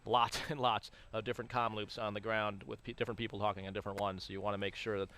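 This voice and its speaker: Fast-talking man explaining a launch live. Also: on the low side, level tone, bright, forceful tone, slight background noise. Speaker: expert launch broadcast commentator.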